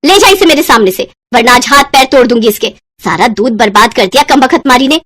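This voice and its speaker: A woman voicing a harsh, bossy elder sister-in-law in a cartoon story, who scolds and shouts. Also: fairly high pitch, lively intonation, fairly quick, no room sound, clean studio sound. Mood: scolding.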